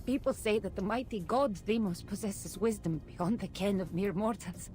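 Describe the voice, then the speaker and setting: A woman's voice: mid-range voice, moderate pace, a little mellow, soft background music, lightly acted. An actress playing a timid female cult follower in a game, stammering. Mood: meek.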